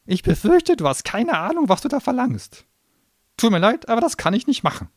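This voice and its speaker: A man voicing a sarcastic, hot-tempered little male gnome demon who grants wishes, shrill and mocking, in an audiobook reading. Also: big pitch swings, a little fast, no room sound, studio quality, heavily acted. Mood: panicked.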